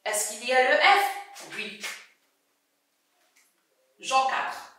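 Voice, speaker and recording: A woman teaching a first-grade reading lesson, speaking slowly, repeating words and syllables and praising often. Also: high-pitched, very animated, bright, forceful tone, distant mic, slight background noise. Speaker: primary school teacher. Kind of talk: slow classroom lesson for young children. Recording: echoey room, voice away from mic.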